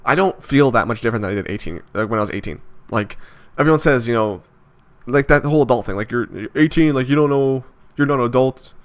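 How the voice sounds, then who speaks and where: In a reflective, casual vlog monologue, a man in his 20s thinks out loud, rambling hesitantly with frequent fillers and restarts. He has a medium-pitched voice and talks fast.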